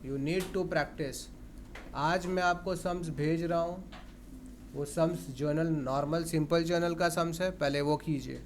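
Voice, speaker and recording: A man's voice: a little high, steady tone, a little slow, slight background noise. A man teaching an accounts class in Hindi, often questioning and coaxing his students, with terms. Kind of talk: classroom lecture.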